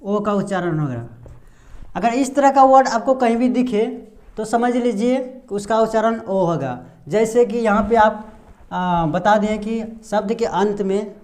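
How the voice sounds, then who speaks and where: A man from India teaching English pronunciation, slowly explaining each rule and answering his own questions. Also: sits high, a little mellow. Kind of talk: slow explanatory lesson with repeated questions.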